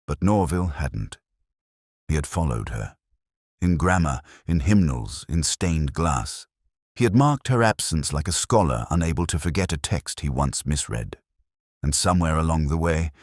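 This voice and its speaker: A narrator with an extremely deep, cavernous male voice tells a first-person noir detective story. He speaks in a measured, brooding way, his pitch rising and falling expressively through each sentence, and the recording is close and completely dry with no room sound.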